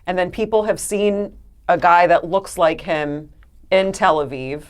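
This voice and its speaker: Casting: low-pitched woman, podcast co-host, earnest and chatty. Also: measured pace, smooth. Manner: chatty, earnest, trails into laughs. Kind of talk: casual chat.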